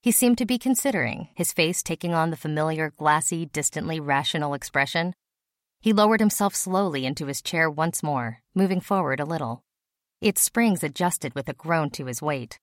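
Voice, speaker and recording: Brief: woman narrator, low voice, dry close recording, steady storytelling read. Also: normal speed, no room sound. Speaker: audiobook narrator. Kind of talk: scripted narration.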